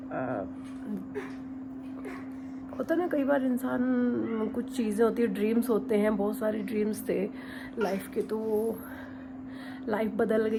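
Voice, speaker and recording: Slow-talking young mother vlogging at home. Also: noisy background. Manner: chatty, talks to her baby in a high sing-song voice. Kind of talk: casual family vlog. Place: home indoors.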